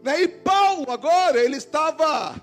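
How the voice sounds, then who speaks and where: A man with a Brazilian Portuguese accent, a pastor giving an animated sermon and acting out the dialogue in his stories. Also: very high voice, moderate pace, soft background music. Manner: animated preacher voicing quoted dialogue. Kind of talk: sermon with storytelling. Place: church service.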